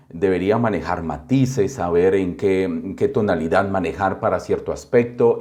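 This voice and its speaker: A man's voice: low-pitched, a little mellow. Man hosting an interview. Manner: hesitant, restarts before points. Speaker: interviewer host. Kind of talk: interview questions.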